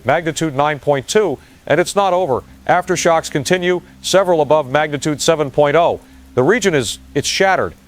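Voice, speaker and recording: This is a lightly acted performance of a shaken news correspondent in an audio drama, reporting from the field with a sense of urgent seriousness. The man's voice is a touch high, and he speaks at a normal rate.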